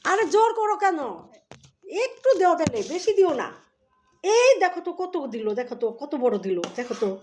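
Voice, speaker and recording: A woman's voice: very high-pitched, sing-song, moderate pace, darkish tone, slight background noise. A woman vlogger chatting casually as she is served homemade sweets, fussing over the portions and praising the cooking. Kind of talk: casual chat while eating.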